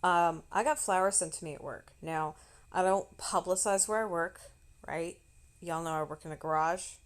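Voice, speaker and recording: A woman streamer telling a story in casual, animated chat, swearing freely. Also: on the low side, normal speed.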